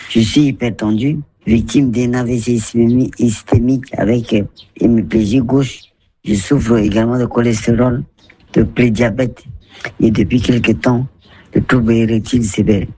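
A man in his sixties leaving a recorded voicemail question, his voice altered by a voice changer to hide who he is, speaking in a formal, measured way as he reads out a list of points. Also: medium pitch, fairly even intonation, warm tone. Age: 60s. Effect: voice altered by a voice changer for anonymity. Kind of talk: recorded answering-machine message.

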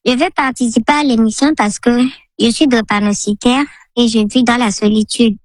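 A woman in her fifties from the Central African Republic, her voice altered by a voice changer to hide her identity, leaving an earnest, measured message on a radio show's answering machine. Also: fairly high pitch, steady tone, no echo. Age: 50s. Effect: voice altered by a voice changer for anonymity. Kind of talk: recorded answering-machine message, personal testimony.

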